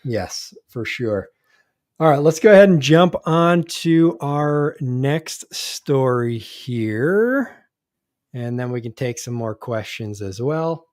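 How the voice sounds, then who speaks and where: A man hosts a casual live-stream chat in an expressive, slow, darkish mid-range voice, with a dry, clean studio recording. As a podcast host he reads news items aloud, though he's hesitant and keeps starting over.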